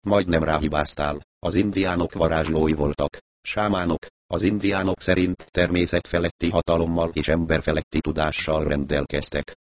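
A man reading as a gruff bearded woodcarver. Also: sits low, fairly even intonation, no room sound, lightly acted.

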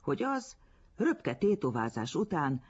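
A man reading a literary story aloud in an expressive storytelling manner, on a dull lo-fi recording. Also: a little high, husky. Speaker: narrator. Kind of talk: literary audiobook narration.

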